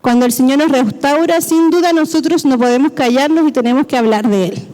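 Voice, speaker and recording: A woman's voice: high voice, a little fast, dark tone. A woman preacher, giving a sermon and explaining step by step, often checking in with the congregation. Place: church hall. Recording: long hall reverb.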